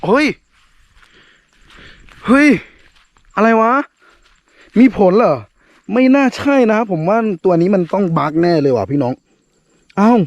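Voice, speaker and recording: A young man casually vlogging a firecracker experiment outdoors, with lots of excited exclamations and talk straight to his viewers. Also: sits high, moderate pace, long pauses, lo-fi sound. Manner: excited exclamations, addresses viewers as brothers and sisters.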